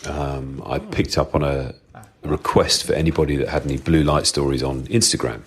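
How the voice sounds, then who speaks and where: A middle-aged man speaking through a voice changer that makes him sound very deep, telling a rambling story in a recorded voice message as a listener. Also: steady tone, moderate pace. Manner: chatty, rambling storyteller with filler ums. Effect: voice changer pitching the voice very deep.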